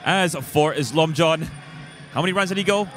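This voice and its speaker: A man's voice: a little high, moderate pace, a bit bright, soft background music. A man giving live sports commentary as a fight commentator.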